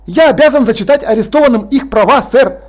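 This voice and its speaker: An earnest, dutiful young watch officer, as a male reader puts him on, speaking eagerly and politely. His voice is light and fairly high for a man. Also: brisk.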